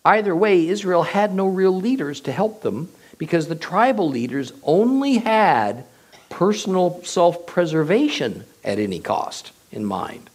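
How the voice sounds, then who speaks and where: A man giving a verse-by-verse Bible teaching, reading the passage aloud and then explaining it with emphatic, drawn-out phrasing. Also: high-pitched, breathy edge. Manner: expressive, emphatic delivery with drawn-out pauses.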